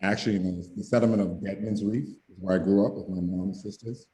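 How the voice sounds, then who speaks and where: A Bahamian man gives a relaxed account of his own background as a guest presenter, pausing often on fillers. His voice sits low and warm. It comes through a video call from an echoey room. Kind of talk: casual personal background talk.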